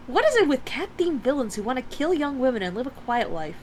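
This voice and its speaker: Lively, high-voiced exasperated woman. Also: slight background noise. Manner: animated and exasperated, quick to laugh. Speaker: podcast co-host. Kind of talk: casual chat.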